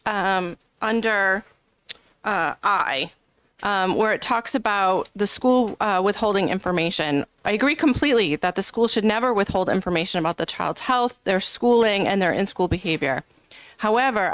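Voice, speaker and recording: Presenting an amendment to a committee, a woman legislator makes her argument earnestly, often saying um. Her medium-pitched voice is fairly bright, and there is no room sound.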